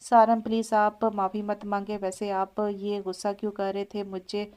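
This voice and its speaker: A woman's voice: medium pitch, level tone, moderate pace, darkish tone, clean tone, natural voice. A woman voicing a pleading young wife. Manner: pleading, tearful.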